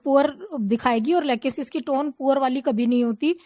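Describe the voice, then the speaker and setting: High-pitched woman, dry close sound. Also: normal speed, darkish tone, no room sound. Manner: adds explanatory points. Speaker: study group participant.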